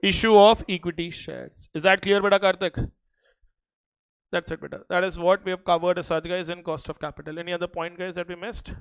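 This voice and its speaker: A man's voice: high voice, level tone, a little fast, clean tone, no room sound, poor audio. A man with an Indian accent giving a classroom revision lecture as a teacher, emphatic and often checking that students follow. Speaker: accountancy teacher.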